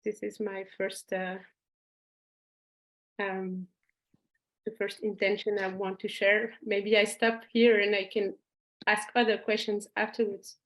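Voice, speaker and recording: A woman joining an online discussion over a video call, speaking hesitantly with many pauses. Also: mid-range voice, level tone, fairly bright tone, poor audio. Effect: heard over a video call. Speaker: citizen participant.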